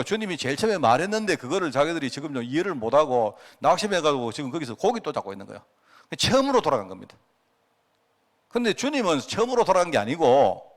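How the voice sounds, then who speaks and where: A middle-aged male pastor with a Gyeongsang Korean accent, preaching in a chatty, storytelling way with asides to his congregation. His fairly high voice swoops up and down with animated pitch. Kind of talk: conversational Friday prayer-meeting sermon.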